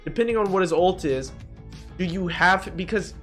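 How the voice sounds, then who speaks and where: A man hosts a gaming video, ranking things with casual bluntness and plenty of slang while calling his audience "bro." His voice is high-pitched and a bit bright, at a normal pace, over background music.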